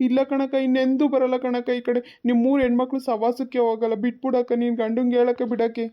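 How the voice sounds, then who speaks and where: A woman's voice: on the high side, completely flat delivery, fast talker, natural voice. Woman voicing a begging young village man. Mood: pleading. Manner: pleading, whining. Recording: dull lo-fi sound.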